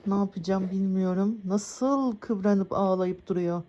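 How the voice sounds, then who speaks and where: Slow-spoken woman cooing to her cats. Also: highs cut off, background noise. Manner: calls and coos to cats in a high, excited voice, laughs often. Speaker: vlogger. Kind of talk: casual vlog talking to her cats. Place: village house.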